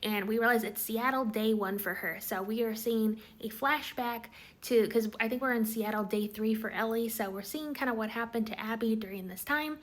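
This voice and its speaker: A woman recapping a TV episode in a casual, chatty way, full of "like" fillers and quick quoted lines. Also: a little high. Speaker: TV recap vlogger.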